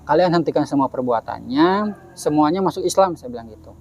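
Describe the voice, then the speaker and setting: A man's voice: a little high, lively intonation. A man telling a personal supernatural story in casual chat, acting out the quoted voices and drawing out prayer phrases. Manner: acts out quoted voices, many "kata saya gitu" tags; chants prayer phrases slowly. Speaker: guest storyteller.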